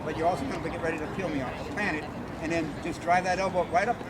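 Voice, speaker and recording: Racing along in a fairly high, fairly even voice, a male martial arts instructor demonstrates self-defense hands-on. He's outdoors on concrete memorial steps in a public place, talking casually through every move while people and city noise surround him.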